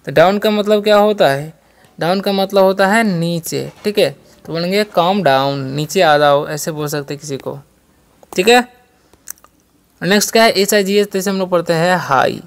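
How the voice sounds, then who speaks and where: A patient teacher leads a beginner language lesson and spells each new word out letter by letter. The teacher keeps quizzing listeners with a question and then answering it. Example sentences come out slowly and carefully. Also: medium pitch. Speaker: English teacher.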